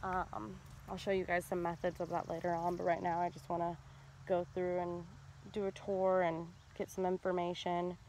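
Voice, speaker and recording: A woman walks through her garden talking into her phone in a relaxed, chatty way, filling pauses with ums. Her voice sits a little low and has a gravelly fry. Insects chirp faintly in the open air around her. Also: slight background noise. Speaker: home gardener vlogger. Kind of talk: casual garden tour narration. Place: outdoor garden. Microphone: handheld phone camera.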